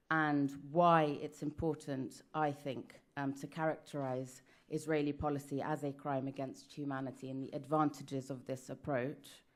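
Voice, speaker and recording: Low-voiced British woman giving a talk. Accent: British English. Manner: measured and careful, speaks slowly. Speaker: panelist. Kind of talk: academic conference talk. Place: conference hall.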